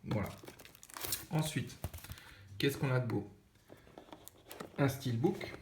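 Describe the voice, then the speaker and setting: A man's voice: mid-range voice, slow pace. A young man with an Alsatian French accent, hosting a casual unboxing video and chatting with lots of fillers and self-corrections. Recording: echoey room with faint noise.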